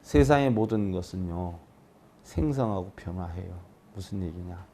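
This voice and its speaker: A man, a Buddhist monk, giving a dharma lecture and keeping his listeners engaged with rhetorical questions, swinging from loud high emphasis down to soft low asides. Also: lively intonation, normal speed.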